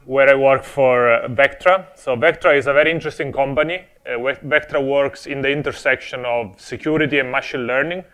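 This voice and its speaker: A young Italian man with an Italian accent gives a friendly, explanatory conference talk on a technical topic from a stage before an audience, adding touches of humor. His voice is mid-range and fairly bright.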